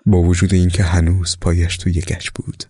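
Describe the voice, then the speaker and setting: Deep, flat-voiced male narrator. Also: husky, dry recording. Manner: slow, solemn reading that drops to a soft whisper at emotional moments. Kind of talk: scripted audiobook narration of war memoirs.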